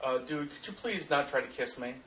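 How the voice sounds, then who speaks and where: A man chatting casually with friends while watching a video, cracking loud, crude jokes and swearing. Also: mid-range voice, lively intonation, brisk, slight background noise. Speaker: commentator. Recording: echoey room, far from mic.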